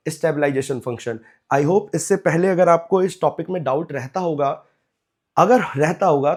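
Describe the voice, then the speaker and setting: Chatty man teaching economics. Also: on the high side. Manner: chatty, coaxing, mixes English terms into Hindi. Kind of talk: online exam-prep lecture.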